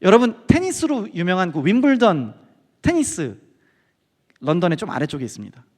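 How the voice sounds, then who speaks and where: Middle-aged guy preaching his testimony, acts out what his friends said, big echoey hall. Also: high voice. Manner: animated storytelling, acting out quoted friends. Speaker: guest speaker. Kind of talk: testimony sermon. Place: church sanctuary. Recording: long hall reverb.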